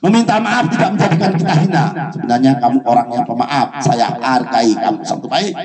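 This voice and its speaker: A man giving preachy spiritual advice straight to the listener, with lively swings in pitch. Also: fairly quick. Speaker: spiritual advisor. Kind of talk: religious advice talk.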